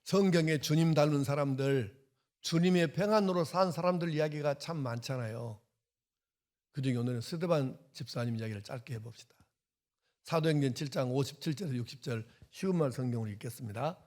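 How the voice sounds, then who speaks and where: A man pastor preaching a sermon, emphatic and passionate, swinging from loud to hushed. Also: medium pitch, a little fast.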